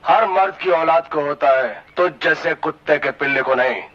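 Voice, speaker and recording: An actor playing a defiant, swaggering street-tough hero with Bombay street Hindi, cocky and taunting, in a Bollywood melodrama. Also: male voice, a little high, moderate pace, a little hiss or hum, natural voice. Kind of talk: Bollywood melodrama film acting. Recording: dull lo-fi old film soundtrack.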